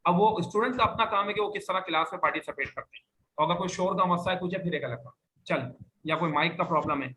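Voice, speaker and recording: A man's voice: high-pitched, pushed and bright, poor audio. A man from Pakistan teaching an Arabic class, firmly drilling and correcting his students. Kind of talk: classroom lesson with online students.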